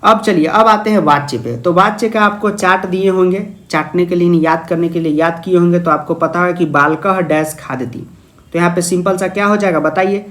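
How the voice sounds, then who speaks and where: A man's voice: sits high, moderate pace, fairly bright tone. A young man teaching a Sanskrit exam lesson, playful and jokey, often asking questions and then answering them himself in a student's voice. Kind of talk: exam-prep video lesson.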